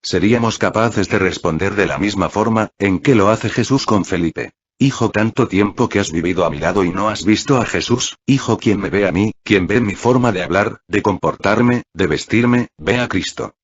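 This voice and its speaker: A man's voice: lowish voice, normal speed, breathy edge. A man preaching an earnest Sunday reflection, exhorting his listeners. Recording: dull lo-fi audio.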